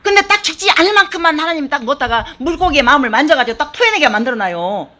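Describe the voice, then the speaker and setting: A woman pastor preaching a sermon in a church, telling the story in an animated, colloquial way with sound effects. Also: high-pitched, racing.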